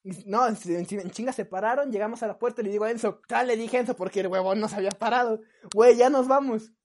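A woman's voice: mid-range voice, racing. A young adult woman with a Mexican Spanish accent, co-hosting a podcast and telling a story in casual chat, acting out her friends' lines. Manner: animated, acts out friends' lines. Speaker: podcast co-host.

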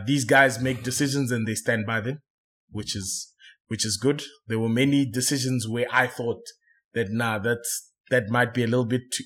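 A man hosting a casual football chat, often pausing with fillers and correcting himself. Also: mid-range voice, a bit bright. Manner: hesitant, self-correcting, many fillers. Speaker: podcast host.

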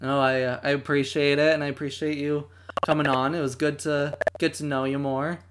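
A man hosting a podcast and wrapping up the episode in a relaxed, chatty way with lots of fillers and laughs. He says he is losing his voice. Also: on the high side, fairly quick, background noise. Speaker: podcast host. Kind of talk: casual podcast chat and outro.

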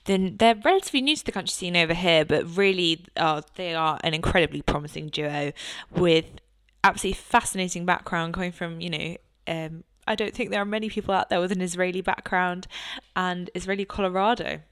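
A woman with a British accent presents in a casual, informal way as a show host. Her voice is on the low side and very clear and smooth. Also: a little fast, a bit bright. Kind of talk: casual presenting between interviews.

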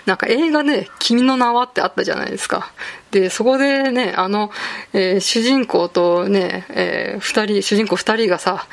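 A woman's voice: mid-range voice, normal speed, vocal fry. A woman around forty from Japan's Kanto region hosts a casual solo podcast, talking through a manga review with plenty of fillers and fan asides. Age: late 30s to 40s. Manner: chatty, frequent fillers and asides, self-deprecating fan talk. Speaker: podcast host.

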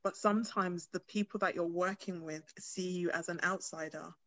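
On a relaxed podcast, a female clinician with Ghanaian roots who grew up in the UK speaks thoughtfully, with plenty of fillers and restarts. Her voice is on the low side, steady and slightly bright, delivered at normal speed with no room sound.

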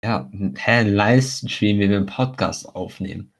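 A young man with a raspy, smoker-like voice, bantering casually as a podcast co-host and slipping English slang into his talk. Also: lowish voice, moderate pace. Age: teenager or young adult.

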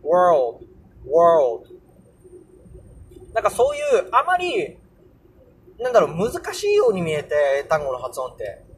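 A man's voice: high-pitched, wildly swooping pitch, moderate pace, slight background noise. A young man casually hosting a solo podcast, explaining English pronunciation and sounding out example words aloud. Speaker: podcast host.

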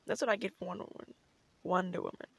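A woman's voice: on the low side, fairly even intonation, quick pace, gravelly, breathy edge, dry recording. A young woman chatting casually as a solo podcast host in a bubbly, gushing, girlish way, peppering her talk with filler words.

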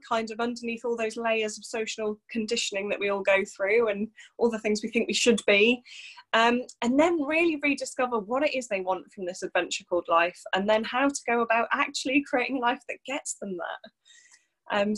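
A coach in her thirties from North Wales talks openly and reflectively as a guest in a casual podcast interview, using many fillers. Her voice is fairly high with a bright tone.

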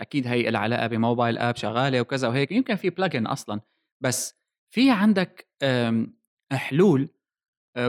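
A man with a Levantine Arabic accent hosting a casual tech discussion, explaining things and dropping in English technical terms. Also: medium pitch. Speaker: podcast host.

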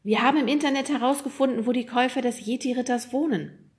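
A woman reading an audiobook, voicing an eager, scheming boy who talks quickly. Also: fairly high pitch, pitched above the performer's own voice, close to an everyday voice.

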